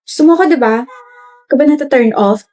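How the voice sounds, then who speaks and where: A woman's voice: sits high, brisk, dark tone, slight background noise, close to an everyday voice. A young woman playing a shy, self-conscious female college student who gets flustered and teasing in a skit. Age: young adult. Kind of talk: skit role-play.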